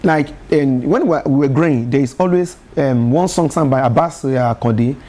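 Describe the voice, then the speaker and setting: A Nigerian man with a Nigerian English accent, a gospel artist telling lively stories as a talk-show guest, often laughing and repeating words. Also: mid-range voice, moderate pace. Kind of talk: casual talk show conversation. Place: television studio.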